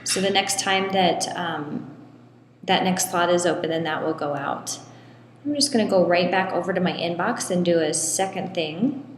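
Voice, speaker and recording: A lower-pitched woman walks through a software tutorial one step at a time, easygoing and sprinkling in little ums. Her voice rings around an echoey room with a long hall-like tail, and a faint hum of room noise sits underneath. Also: moderate pace. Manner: relaxed, explains step by step with frequent ums. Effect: echoey room with long hall-like reverb. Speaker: tutorial presenter. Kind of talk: screen walkthrough tutorial.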